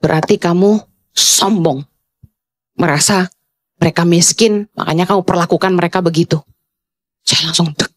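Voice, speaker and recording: A woman pastor preaching a sermon, speaking fast in a high register that can sound angry, and slipping English phrases into her talk. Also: steady tone.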